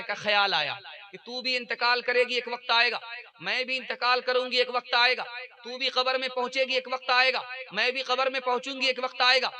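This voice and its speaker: Bright high-voiced man preaching a sermon. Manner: repetitive, exhorting, voicing mother and daughter in dialogue. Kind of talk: sermon with storytelling and sung verse.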